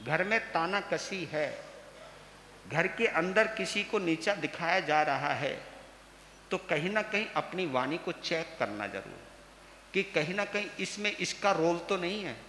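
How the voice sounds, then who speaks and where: A high, bright male voice delivers an unhurried sermon, leaning on repeated phrases and rhetorical questions. He sounds like a monk addressing a gathering. The sound rings through a large hall with a long tail and a faint hiss underneath. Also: animated. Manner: slow, emphatic, repeats phrases and asks the listeners questions. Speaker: Jain monk preaching.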